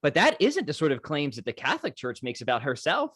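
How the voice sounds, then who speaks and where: Animated American man hosting a podcast. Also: fairly high pitch, fast, slightly rough, no echo, clean studio sound. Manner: informal, thinking aloud with check-in tags. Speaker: podcast host. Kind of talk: casual chat, interviewing.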